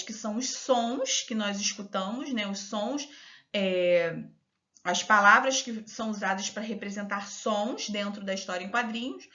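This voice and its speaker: A woman's voice: fairly high pitch, bright, forceful tone. Patient Brazilian woman teaching young children. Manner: patient, spells out syllables slowly and clearly. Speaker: primary school teacher. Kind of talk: recorded lesson for young children. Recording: dull lo-fi audio.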